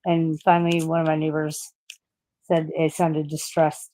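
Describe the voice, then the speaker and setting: A woman with a lowish voice talks loosely on a live stream, rambling from one story to the next. She laughs often and swears freely. The sound is dry and close, with no room around it. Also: completely flat delivery, unhurried, warm tone, no echo, rough recording. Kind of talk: casual live-stream chat.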